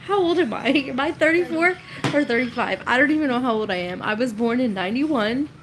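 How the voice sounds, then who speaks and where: A woman's voice: high-pitched, animated, a little hiss or hum, rough recording. Chatty, rambling woman in her thirties. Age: 30s. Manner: rambling, chatty, quick to laugh. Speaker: storytelling creator. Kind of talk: casual live-stream storytime.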